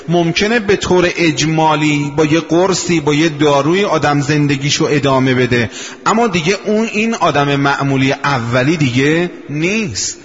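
An older male preacher in his sixties delivers a sermon, telling stories at an unhurried pace and slowing for quoted sayings. His voice sits a little higher than most men's. The recording is dull and lo-fi, with a long hall reverb around him. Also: fairly bright tone. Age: 60s.

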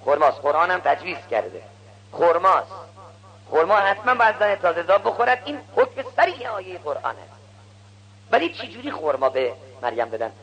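Male preacher, gravelly and animated, telling stories and voicing the characters, on a scratchy old radio recording. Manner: acts out characters' lines in a lowered voice. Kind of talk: sermon storytelling.

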